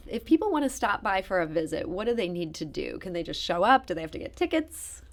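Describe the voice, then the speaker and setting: A woman hosts a radio interview in a studio. She asks questions in a polished, conversational tone with a voice of ordinary pitch. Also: very animated, fast talker. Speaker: radio host.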